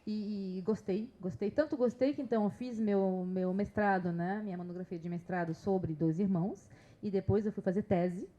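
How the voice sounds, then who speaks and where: A woman's voice: mid-range voice, fairly even intonation, moderate pace, mellow, dull audio. A woman with a slight Bahian Brazilian accent, a literature scholar speaking chattily on a panel with frequent tag questions. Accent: slight Bahian Brazilian Portuguese. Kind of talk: panel talk.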